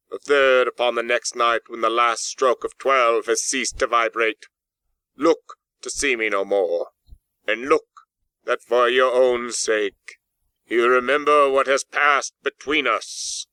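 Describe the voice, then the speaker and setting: A man voicing the remorseful, solemn ghost of a dead businessman in a storybook, declaiming with drawn-out, wailing words. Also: mid-range voice, fairly even intonation, pushed and bright, clean tone, dry recording, poor audio. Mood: solemn warning. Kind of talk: dramatic audiobook character acting.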